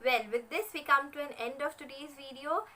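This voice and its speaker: A woman's voice: high voice, fairly quick, loud music behind the voice. A woman host signing off a video in a friendly, informal way, with small fillers.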